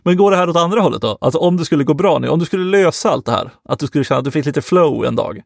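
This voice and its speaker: A man with a rather high, gravelly voice chats casually as a podcast co-host. He is easygoing and laughs often, and the sound is close and dry with no room around it. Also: animated, dry recording. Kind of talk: casual chat.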